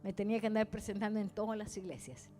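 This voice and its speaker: A woman's voice: mid-range voice, steady tone, quick pace, mellow, soft background music. A woman evangelist preaching a testimony sermon, acting out dialogue and calling her listeners brothers. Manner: storytelling, addresses listeners as brothers, acts out dialogue.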